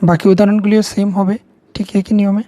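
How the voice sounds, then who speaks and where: A woman's voice: medium pitch, little pitch movement, fast talker, warm tone. A woman with a Bengali accent, patiently explaining English grammar to students step by step, repeating key words. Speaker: teacher.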